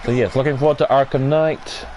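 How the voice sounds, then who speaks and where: Excitable man calling wrestling play-by-play. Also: mid-range voice, a little fast, noisy background. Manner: excitable, swells into shouts at big moments, rambling asides. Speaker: gaming channel host. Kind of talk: play-by-play wrestling commentary over gameplay.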